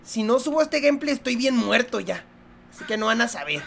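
Excitable, foul-mouthed Mexican gamer guy. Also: extremely high pitch, fairly quick, gravelly. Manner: profane, joking, excitable. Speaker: gaming youtuber. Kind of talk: horror game commentary.

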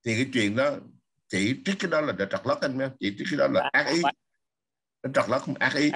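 A man's voice: mid-range voice, lively intonation, brisk, fairly bright tone, husky. A man hosting a casual political talk, emphatic and asking himself questions he then answers. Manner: emphatic, asks and answers his own questions.

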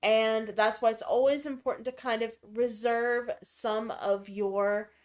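A woman's voice: on the high side, fairly even intonation, unhurried, darkish tone. A woman co-hosting casual game commentary, correcting and explaining tips in detail. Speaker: co-host giving game tips.

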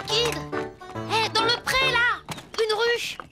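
Squeaky, very high little bear cub. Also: steady tone, slow, over loud music. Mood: excited. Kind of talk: cartoon dub acting.

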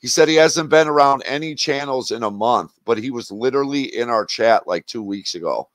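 A man's voice: mid-range voice, brisk, a bit bright, dry recording. A man hosting a casual livestream chat, talking in a blunt, profane and mocking way. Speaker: livestream host.

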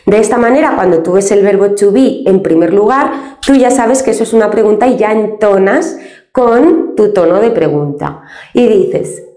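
A woman teaching an English grammar lesson step by step, patient and explaining things slowly with many diminutives. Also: mid-range voice, lively intonation, mellow, reverberant.

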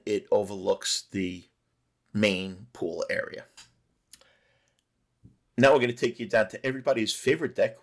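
A middle-aged man giving a relaxed, conversational voice-over narration for a cruise ship tour vlog. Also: fairly low pitch. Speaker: travel vlogger.

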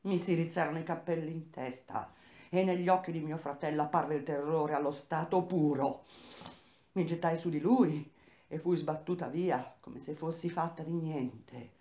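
A woman with a low voice reading a novel aloud in first person, intense and emphatic, slowing down on key words. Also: steady tone, mellow. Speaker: reader of a novel. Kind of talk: dramatic literary reading. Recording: echoey room.

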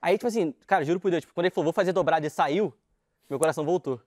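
A young man from Brazil, telling an anecdote as a talk-show guest, animated and slangy, often laughing as he talks. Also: fairly high pitch, rapid-fire. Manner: animated slangy storytelling, laughing while talking. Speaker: guest storyteller.

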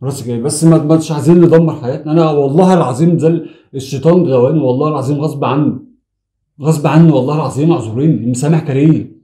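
A man's voice: a little high, racing, mellow, echoey room. A man with an Egyptian Arabic accent, pleading with his wife in a prank vlog, swearing oaths and stumbling over his words. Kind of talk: emotional pleading, then casual joking.

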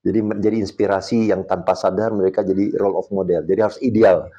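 A man's voice: low-pitched, fairly even intonation, fast talker, warm tone, muffled recording. A man, a martial arts coach, talking on a podcast and telling a story, acting out the people he quotes and dropping English words into his speech. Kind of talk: casual podcast talk.

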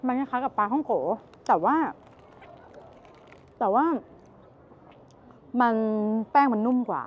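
With an unhurried, slightly high voice, a woman in her thirties makes a casual market and food vlog, sampling snacks and chatting to her audience as she browses. The travel vlogger films herself outdoors holding the camera at arm's length. Street noise fills the muffled audio.

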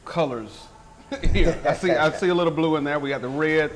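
Here the same kind of local TV food host, a man, samples dishes at a restaurant table, raving about them in casual, enthusiastic, effusive chat. He speaks at a normal pace in a voice on the high side. Slight background noise runs under this low-quality recording.

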